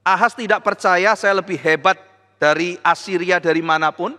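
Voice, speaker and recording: Bright-voiced pastor preaching in hall. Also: male voice, sits high, normal speed. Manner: dramatizes dialogue, voicing quoted speakers; addresses the congregation often. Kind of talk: sermon. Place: large church hall. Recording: reverberant church hall.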